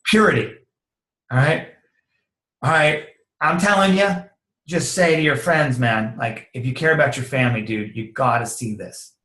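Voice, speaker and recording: Energetic man coaching in a roomy echo. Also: medium pitch, normal speed. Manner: energetic, casual and slangy, acts out quoted conversations. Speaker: network marketing trainer. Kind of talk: motivational training talk.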